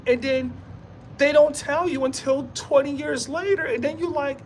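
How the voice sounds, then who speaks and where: A very high-pitched vlogger speaks at normal speed with fairly even intonation, against a noisy background. His motivational monologue rambles and repeats emphatically in street slang, and he often laughs mid-sentence.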